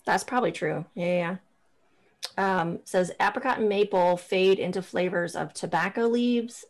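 A woman's voice: fairly low pitch, moderate pace. Chatty woman hosting a whiskey tasting. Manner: chatty, lots of "like" and restarts while describing flavors. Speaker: podcast co-host leading a whiskey tasting. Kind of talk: casual chat.

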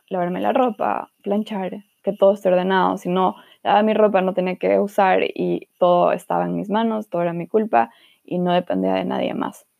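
Over phone-quality sound with a dry recording, a young adult podcast host from Ecuador, based in Germany, reflects on student life on her own. Her mid-range voice is creaky, and she talks casually with lots of fillers.

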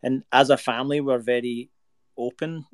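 Here a Scottish man, a singer-songwriter, talks on a video call from his Nashville home recording space in a casual interview. His mid-range, Scottish-accented voice moves at a normal speed with fairly even intonation, earnest and reflective, wandering along with fillers. The sound is clean and studio-like, with no echo.

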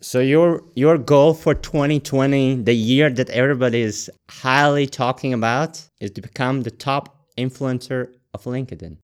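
An interviewer from Latvia asks lively questions, with the pitch jumping up on key words. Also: normal speed, few pauses, clear, resonant tone.

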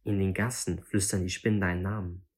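A man reading an audiobook voices a cold, menacing woman who leads a band of thieves, speaking with sharp contempt. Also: deep voice, flat delivery, fairly quick, slightly rough. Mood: cold scorn. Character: cold, menacing female thief leader.

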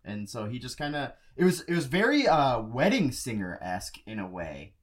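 At medium pitch and normal speed, this young podcast co-host keeps the movie review casual and animated. He cracks jokes and laughs frequently as they talk.

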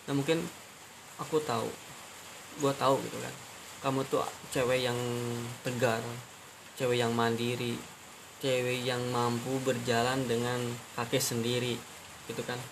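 Earnest halting man, flat voice. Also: mid-range voice. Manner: halting, earnest, repeats phrases and restarts often. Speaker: podcast host. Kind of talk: personal monologue addressed to his girlfriend. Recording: steady hiss behind the voice.

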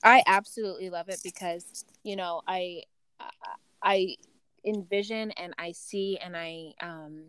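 A woman from Uganda hosting an interview, animated and hesitant with restarts. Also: on the low side, a little slow, clean tone, no echo. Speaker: interviewer, host. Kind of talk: conversational interview.

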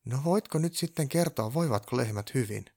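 A man's voice: medium pitch, sing-song, voice pushed up. A man voicing a kind, bewildered elf who cares for cows, asking innocent questions. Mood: puzzled.

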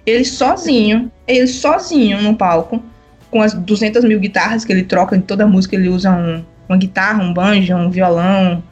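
A woman's voice: mid-range voice, a little fast, a little mellow, dull audio. A woman co-hosting a podcast, chatting casually and enthusiastically about music over a call. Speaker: podcast co-host. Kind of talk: casual chat.

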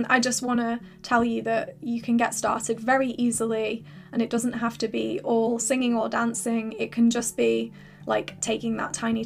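A woman hosting a solo podcast with casual, rambling, encouraging advice, her voice slightly hoarse as if she is losing it. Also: fairly high pitch. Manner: informal, filler-heavy, rambling encouragement. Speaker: podcast host and creative business coach.

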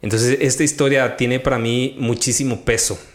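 A man, hosting a devotional podcast and telling a personal faith story in a lively conversational way. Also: mid-range voice, moderate pace, slight background noise. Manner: animated storytelling, quotes his own prayers. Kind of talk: conversational testimony.

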